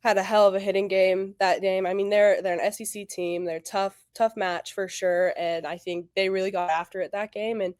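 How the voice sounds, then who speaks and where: A woman in her twenties, a college softball player, talking in a casual interview, animated and full of "like". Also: mid-range voice, moderate pace, hardly any pauses, no echo, studio quality. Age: 20s. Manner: animated, heavy use of "like", quotes teammates.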